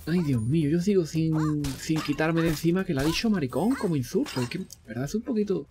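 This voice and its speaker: A young man doing excitable, profane commentary on a video game he plays, breaking into sudden shouts. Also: a little high, fairly quick, over music. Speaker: let's play host. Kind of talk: gaming commentary.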